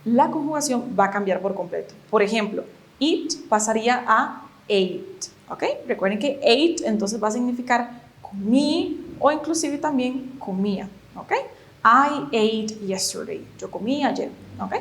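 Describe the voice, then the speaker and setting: A woman whose first language is Spanish, teaching English grammar in a video lesson. She explains step by step, patiently, and keeps checking with a quick "ok?". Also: fairly high pitch, animated.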